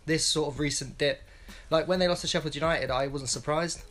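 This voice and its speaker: This man speaks fairly quickly with a fairly high pitch, a steady tone, and a fairly bright sound. A twentysomething football vlogger, he rambles bluntly through casual solo analysis from a small home room on a wired earphone mic.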